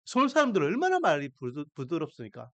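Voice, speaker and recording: Male pastor preaching; emphatic, animated pitch, dry close sound, keeps asking the congregation questions. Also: fast, dry recording, dull audio. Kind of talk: sermon.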